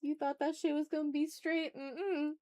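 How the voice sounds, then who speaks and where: A woman with a high, mellow voice hosts an art livestream, drawing while she chats casually in slang and mutters exasperated, playfully dramatic asides. She keeps a level tone at a moderate pace, and there is no room sound.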